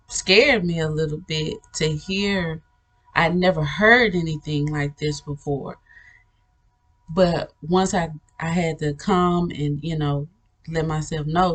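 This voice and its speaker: A woman's voice: low voice, a bit bright. A woman hosting a spiritual channel, telling about a vision in a casual, rambling way, with many restarts and frequent laughter. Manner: earnest, storytelling.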